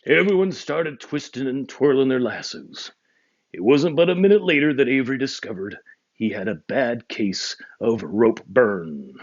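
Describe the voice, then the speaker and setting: A man reading a children's storybook aloud with expressive narration, on a muffled lo-fi recording. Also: mid-range voice, moderate pace. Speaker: storybook reader.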